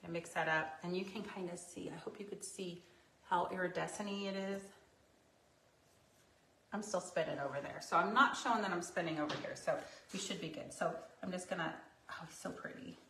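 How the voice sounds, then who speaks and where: Woman craft teacher, lowish voice, chatty and rambling, recorded from a distance in a roomy studio. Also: fairly quick, sharp tone, a little hiss or hum. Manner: chatty, rambling, jokey asides. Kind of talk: casual craft tutorial. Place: her craft studio, indoors. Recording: echoey room, mic at a distance.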